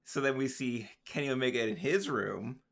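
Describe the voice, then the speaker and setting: A man's voice: mid-range voice, moderate pace, gravelly, a bit bright. A man co-hosting a podcast, chatting casually with easygoing dry asides and frequent laughs. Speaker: podcast co-host. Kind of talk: casual chat recapping a show.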